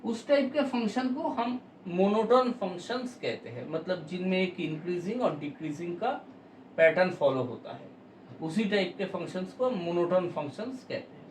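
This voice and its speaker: High-voiced man teaching math. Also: animated, reverberant, recorded from a distance, a little hiss or hum, low-quality recording. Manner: slow, explanatory, with frequent pauses. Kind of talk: step-by-step math lecture.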